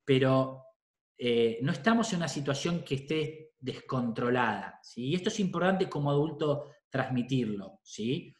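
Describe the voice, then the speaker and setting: The middle-aged psychologist, an Argentine with a Rioplatense Spanish accent, talks to parents in a relaxed, conversational way and often asks "¿sí?" to check in. His mid-range voice has lively intonation and a measured pace, with a reverberant sound.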